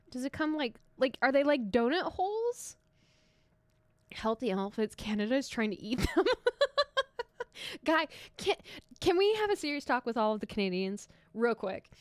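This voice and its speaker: A woman's voice: sits high, no echo. Giggly teasing American woman streamer. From United States. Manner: giggly, teasing, laughs often. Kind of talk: casual live-stream chat with viewers.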